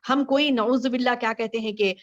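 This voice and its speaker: A woman with a fairly high voice preaching to a women's gathering, circling back over her points and asking the listeners questions. She slows down to recite scripture, then explains it. The recording sounds dull and lo-fi. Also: fairly even intonation. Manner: repeats phrases and asks rhetorical questions; recites Arabic verses slowly, then explains them. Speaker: female Islamic scholar teaching women. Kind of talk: religious lecture.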